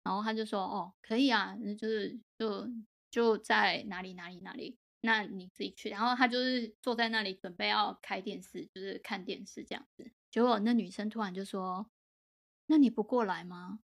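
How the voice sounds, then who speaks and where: A woman co-hosting a podcast, telling a friend's story in animated, casual chat with English words mixed in. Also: mid-range voice, a little fast, gravelly. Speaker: podcast co-host.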